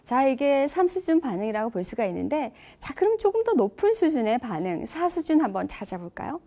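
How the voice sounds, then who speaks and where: Middle-aged woman teaching an online class, lively pitch that rides up and down, fairly high voice. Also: a little fast. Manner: engaging, asks audience questions. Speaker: lecturer. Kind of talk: online lecture on empathy.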